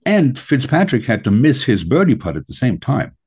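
A man hosting a radio talk show in a conversational style, with halting, deliberate phrasing. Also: medium pitch, big pitch swings, darkish tone, breathy edge.

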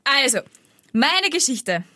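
Young woman, playful banter, quick comebacks, slightly high pitch. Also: very animated, bright, forceful tone, no room sound, clean studio sound. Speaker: podcast co-host. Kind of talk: casual chat.

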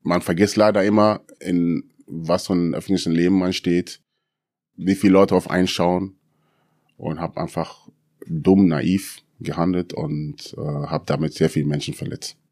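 A man's voice: low voice, fairly even intonation, normal speed, a little mellow, no room sound, studio quality. A middle-aged man, a former footballer, telling a story as an interview guest and acting out the quoted dialogue in it.

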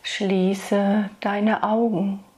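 Very slow, soothing woman guiding meditation. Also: mid-range voice, flat delivery, darkish tone. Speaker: spiritual meditation guide delivering channeled messages. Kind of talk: guided meditation and spiritual address.

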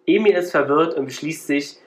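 A man's voice: a little high, moderate pace. A man in a casual podcast reading a short spooky story aloud, raising his voice for the children's lines. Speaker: podcast host.

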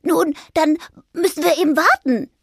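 A woman voicing a friendly, chatty male squirrel in a children's story, talking in a lively, helpful way. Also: high voice, moderate pace, dry recording, studio quality, voice pushed up. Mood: reassuring.

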